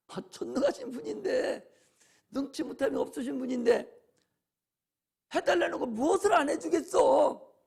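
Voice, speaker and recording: A male pastor preaching a sermon in a church, emphatic, swinging from loud shouts to hushed near-whispers. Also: very high voice, creaky. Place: church sanctuary.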